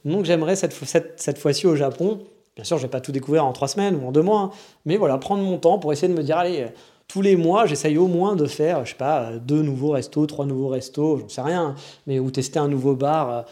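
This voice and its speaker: A man's voice: fairly high pitch, fairly quick, mellow. A man from France with a French accent, talking in a rambling, frank, slangy casual monologue. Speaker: vlogger living in Japan.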